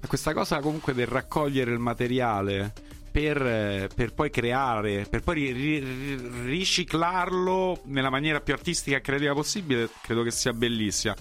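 A man hosts a relaxed, conversational interview. His voice sits at a middling pitch, with music playing faintly underneath. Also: moderate pace. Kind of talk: casual interview chat.

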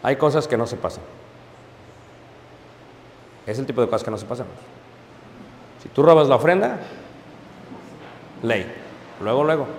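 Emphatic preacher in a reverberant hall. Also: male voice, a little high, a little hiss or hum. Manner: storytelling, addresses congregation as brothers, frequent "¿ok?"; swings between hushed asides and loud emphatic peaks. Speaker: pastor. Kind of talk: sermon.

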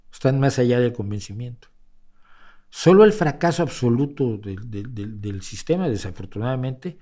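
Older Mexican male host, warm mellow tone, wry conversational delivery. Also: medium pitch. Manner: conversational, wry, many restarts and rhetorical asides. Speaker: host answering viewer questions. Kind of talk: casual talk show monologue.

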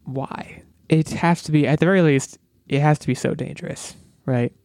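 A man talking casually as a podcast co-host, animated and musing aloud with rhetorical questions. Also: fairly high pitch, normal speed, no echo, studio quality. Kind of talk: casual chat.

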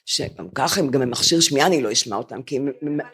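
A woman's voice: rumbling low, animated, fairly bright tone, breathy edge. A woman in her seventies, a podcast co-host, chatting in a self-mocking, storytelling way before a live audience. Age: 70s.

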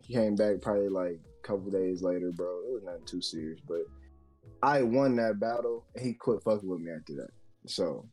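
With faint music behind him, a young adult podcast co-host spins a casual story full of slang, swearing and filler words. His voice is low and warm, and his delivery is brisk.

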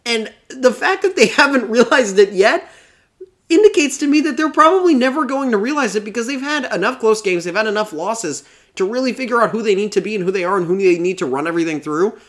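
A man's voice: high voice, animated, fast talker, a bit bright. A man talking through college basketball picks in casual sports chat, opinionated and reeling off rankings. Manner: opinionated, reels off rankings, laughs now and then.

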